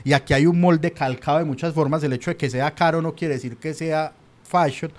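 A man's voice: fairly high pitch, fairly even intonation, a little fast, a little mellow. A young man with a Colombian paisa accent, co-hosting a casual chat, rambling and opinionated with lots of slang. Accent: Colombian paisa Spanish. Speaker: podcast co-host.

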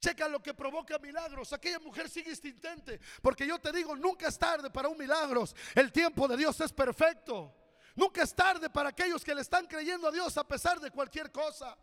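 A pastor preaches with fervor, exhorting his congregation. His voice sits unusually high for a man. The sound carries the long reverb of a church hall. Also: steady tone, fairly quick, a bit bright. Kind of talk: sermon.

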